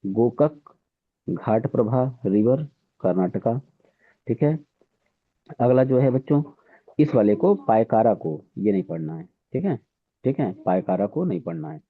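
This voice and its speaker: A man's voice: mid-range voice, lively intonation, a little slow, long pauses, breathy edge, no room sound. A man teaching an exam-prep lesson to students, drilling facts and repeating "theek hai" after each point. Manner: repetitive, keeps saying "theek hai". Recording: tinny phone-like audio.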